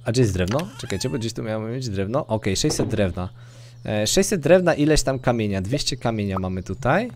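A man's voice: on the low side, animated, brisk, noisy background. A young man casually commenting on his gameplay for viewers, chatting and thinking aloud as he plays. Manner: chatty, talks to viewers and girlfriend off-mic, mixes English gaming words. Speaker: streamer.

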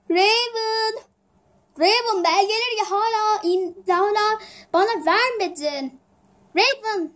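A woman voicing a stern, demanding company boss in a homemade toy drama, bossy and insistent. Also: very high voice. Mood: impatient. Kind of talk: toy-figure home drama.

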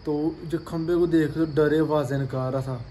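A man's voice: a little high, steady tone, normal speed, mellow, a little hiss or hum. A man from Pakistan with a Pakistani Urdu accent, chatting casually in a vlog. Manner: chatty, informal. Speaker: vlogger.

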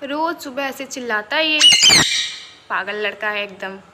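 A woman's voice: a little high, animated, unhurried. A woman talking to her pet parrot, scolding it playfully and asking the same questions over and over. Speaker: pet owner. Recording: loud background noise.

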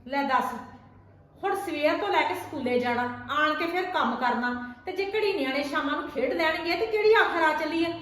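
Woman acting as a young wife arguing with her mother-in-law, high voice, distant mic, echoey room. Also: moderate pace, a bit bright. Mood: defiant. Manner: pleading, then argumentative. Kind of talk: amateur family drama skit.

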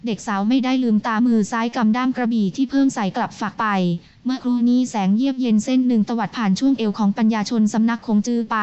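A woman reading a translated fantasy novel aloud in a measured, even storytelling manner. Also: fairly high pitch, clean tone, dry recording, dull audio. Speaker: novel reader.

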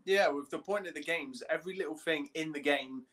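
A young man co-hosts a laid-back podcast about games and films, going into detail like an eager fan. His voice sits on the high side and is slightly bright, and he talks a little fast. He's on a video call from a small room at home.

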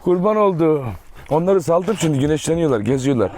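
Young guy rattling through a dog farm tour vlog outside, kinda high voice, baby-talks the dogs. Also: expressive, noisy background. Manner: fast, affectionate baby talk to his dogs. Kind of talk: casual vlog walkthrough.

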